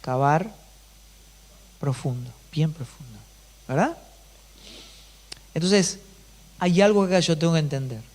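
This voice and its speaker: A pastor delivering an emphatic sermon, often putting rhetorical questions to the congregation. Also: male voice, on the high side, lively intonation, slow pace, pauses often, darkish tone.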